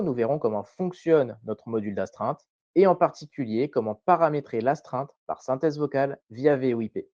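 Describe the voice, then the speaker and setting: A man presenting a scripted tutorial voice-over in a measured, didactic way, carefully enunciated. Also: medium pitch, mellow, no echo, dull audio.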